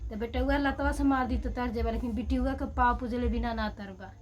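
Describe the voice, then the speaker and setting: High-voiced earnest woman vlogger. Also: fairly even intonation, fairly quick, a little mellow, dull audio. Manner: earnest, heartfelt, repetitive coaxing. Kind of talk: casual talk to camera.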